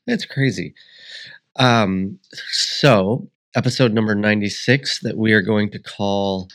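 A man hosts a solo podcast in a congested, sniffly mid-range voice with vocal fry. He rambles reflectively and frequently restarts his sentences.

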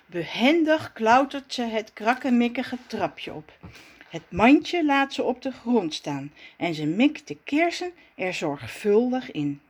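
A woman reads a children's storybook aloud in an unhurried, deliberate way. Her fairly high voice moves with lively swings. Each line is shaped with care for young listeners. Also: slightly rough. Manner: slow, expressive and warm read-aloud delivery.

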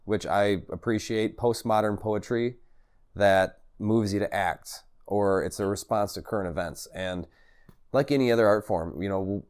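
A man hosting a solo podcast and vlog, talking to camera in a halting, rambling way and often repeating or correcting himself. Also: fairly low pitch, darkish tone, clean tone. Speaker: podcast host. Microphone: recorded on camera for video and podcast.

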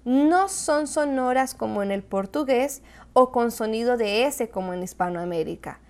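A woman with a Latin American Spanish accent, a Spanish teacher giving a clear, explanatory video lesson who slows down for example words. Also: a little high, animated, darkish tone.

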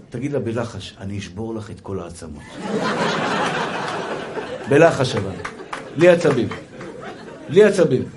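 A middle-aged male rabbi delivering a lively comic sermon in a chatty, joking way, calling his listeners brothers. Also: medium pitch, a little hiss or hum.

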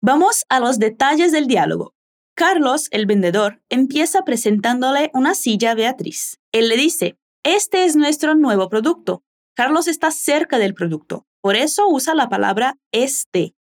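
A woman hosting a language lesson drills phrases for listeners to repeat, modeling the pronunciation of each slowly and carefully. Her voice is high, and her intonation is lively and animated.

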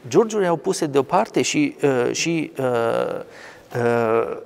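A man explaining a scripture passage in conversation, scholarly and digressive, often pausing with fillers. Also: medium pitch, animated, gravelly, a little mellow, big-room sound. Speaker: theologian commenting on scripture.

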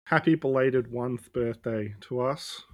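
Teasing man with a mid-pitched voice. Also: a little slow. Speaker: podcast co-host. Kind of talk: casual banter.

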